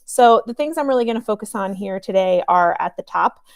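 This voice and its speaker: A woman hosting a live software training webinar, chatty and upbeat, with a cough drop in her mouth. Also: medium pitch, expressive, a little fast, dry recording, studio quality. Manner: chatty, upbeat, friendly with filler ums.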